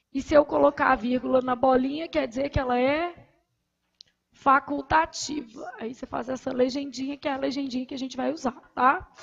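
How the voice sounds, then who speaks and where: Woman, Brazilian Portuguese accent, grammar teacher, high voice, asks and answers her own questions, muffled lo-fi sound. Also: creaky. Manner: asks rhetorical questions and answers them herself; counts syllables aloud slowly. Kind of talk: recorded grammar lesson.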